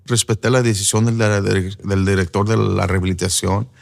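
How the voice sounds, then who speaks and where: A man's voice: lowish voice, level tone, moderate pace, gravelly. A man giving an earnest personal testimony as a preacher, slipping in English fillers. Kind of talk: emotional first-person testimony.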